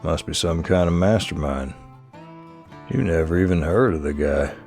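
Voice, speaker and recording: A man gives a deep, low voice to this measured, storytelling game narrator. He reads second-person scripted narration with a steady pace. Soft music plays faintly behind him. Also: gravelly.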